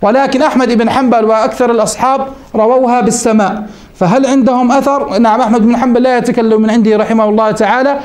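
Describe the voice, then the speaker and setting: High-voiced, quick-talking sheikh teaching a class. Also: male voice, darkish tone. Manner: explains step by step, asks the class questions and answers them himself. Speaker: sheikh teaching Hanbali jurisprudence. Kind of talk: classroom lesson on a legal text.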